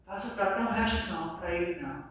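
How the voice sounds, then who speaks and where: High-voiced preacher, echoey and far-miked. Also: male voice, racing, a bit bright. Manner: impassioned, acts out voices of others. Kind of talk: sermon, Bible study. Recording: echoey room, voice far from mic.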